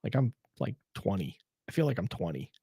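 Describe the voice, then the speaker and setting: A man in his fifties chats casually as he hosts his own livestream, rambling, restarting sentences and poking fun at himself. His voice has a gravelly edge and moves around a lot in pitch. It is recorded close and dry, with no room sound. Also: very animated, a little fast, warm tone, dry recording. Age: 50s. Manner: rambling, self-deprecating, many restarts. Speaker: livestream host.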